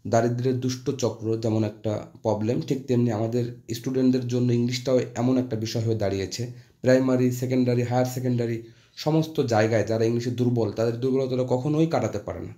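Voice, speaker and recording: A man teaching an English grammar lesson to students, moving between Bengali and English as he reads sentences slowly and explains them. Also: mid-range voice, steady tone, mellow.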